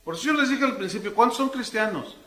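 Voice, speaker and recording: A man's voice: very high-pitched, quick pace. A middle-aged man with a Mexican accent, preaching a conversational sermon and telling stories that act out dialogues in changing voices. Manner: animated storytelling, acting out dialogues in different voices. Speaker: pastor. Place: church congress hall. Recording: echoey church hall.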